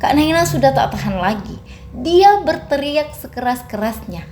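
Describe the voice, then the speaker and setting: A woman's voice: sits high, expressive, normal speed, darkish tone, a little hiss or hum. A woman narrating a horror story steadily and dramatically.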